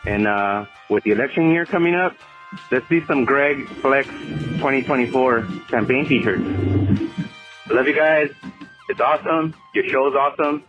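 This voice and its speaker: A man's voice: mid-range voice, moderate pace, faint music behind. A man from California leaving a rambling voicemail for a podcast, heard over a landline phone line, with many hesitant fillers. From Oxnard, California, US. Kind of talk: casual phone message. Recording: dull lo-fi voicemail audio.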